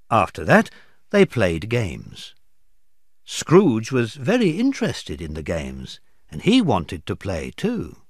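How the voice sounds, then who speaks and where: A man, an English teacher, reading a storybook aloud slowly and expressively for learners. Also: on the low side, no echo, clean studio sound.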